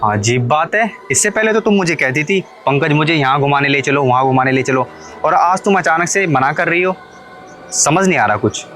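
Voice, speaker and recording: A man's voice: a little high, animated, normal speed, fairly bright tone. A man voicing a suspicious young husband in a cartoon story, pleading and questioning, then accusing, with faint music behind him. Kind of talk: Hindi cartoon story dubbing.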